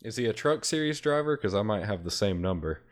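A man's voice: fairly low pitch, animated, a little fast. A man in a casual podcast chat, throwing in jokes and laughing. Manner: joking, laughing interjections.

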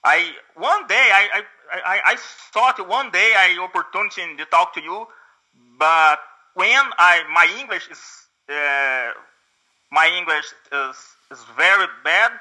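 A Brazilian man with a Portuguese accent, a guest who is learning English, speaks in a high-pitched, pushed, bright voice at a somewhat slow pace. In this casual conversation he's hesitant, searching for words with many fillers and restarts. The recording quality is low.

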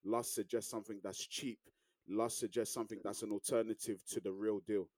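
A man's voice: fairly low pitch, flat delivery, brisk, darkish tone, no echo, studio quality. A young man, talking casually as a podcast co-host. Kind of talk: casual chat.

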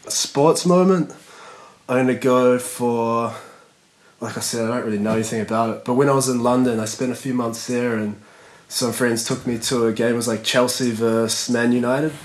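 A skateboarder from New Zealand chats as a guest on a casual podcast, laid-back and rambling with lots of fillers. His medium-pitched voice holds a steady tone at a normal speed, captured in a low-quality recording.

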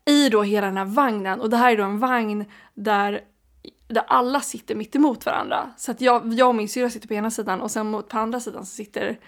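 A young woman co-hosting a casual chat, telling a personal story in an animated way and laughing as she goes. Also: fairly high pitch.

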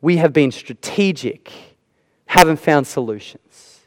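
A man's voice: a little high, expressive, a little slow, no room sound. A man preaching a sermon in an earnest way, repeating phrases for emphasis. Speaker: pastor.

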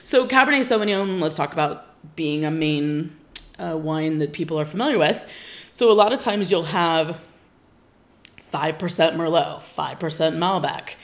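A woman's voice: deep voice, moderate pace. A woman from Northern California, a winery guest on a casual podcast, explaining things patiently and informatively with frequent ums.

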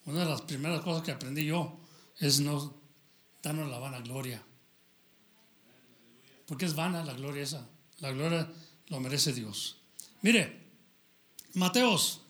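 Slow, high-voiced preacher. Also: male voice, fairly bright tone. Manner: halting, stumbles while reading aloud; addresses listeners as brother. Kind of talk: sermon with scripture reading.

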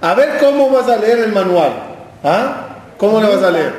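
A man's voice: high-pitched, lively intonation, normal speed, darkish tone. A man giving a Torah class, telling stories with acted dialogue and asking the listeners questions. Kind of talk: sermon. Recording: very echoey room.

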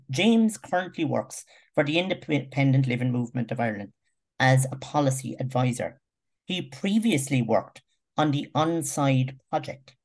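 A woman's voice: extremely low pitch, a little mellow. A woman chairing an event, speaking formally as she makes announcements and introductions.

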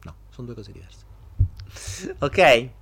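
A man hosting a casual live chat, animated and jokey, talking straight to his viewers. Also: medium pitch, slow, gravelly, husky. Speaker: live stream host answering viewers.

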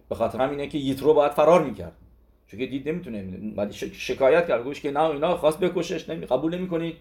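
A man's voice: mid-range voice, darkish tone. A man teaching a weekly Torah portion, telling it as a story with lots of "he says" and restarts. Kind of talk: Torah lesson in casual spoken Persian.

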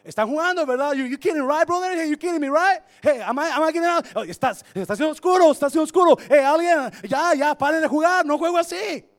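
A man voicing a frightened young man pleading to be let out of a dark pit. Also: extremely high pitch, fast talker, few pauses, pitched above the performer's own voice. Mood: panicky pleading. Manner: panicky pleading, mixing Spanish and English.

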